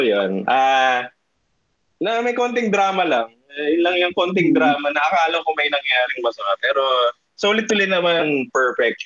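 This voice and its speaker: A man from the Philippines, a host, telling a personal story in casual chat, animated and swearing as he acts out what people said. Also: mid-range voice, lo-fi sound.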